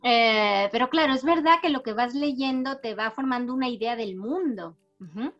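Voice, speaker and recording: A middle-aged woman whose accent blends Spain and Latin America, answering an interviewer in a thoughtful, storytelling way. Her voice sits a little high for a woman. The audio is slightly dull and lo-fi. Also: normal speed, faint music behind. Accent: mixed Latin American and Spanish. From Spain, raised in Panama. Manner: warm storytelling, thoughtful, frequent tag questions. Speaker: writer, interview guest.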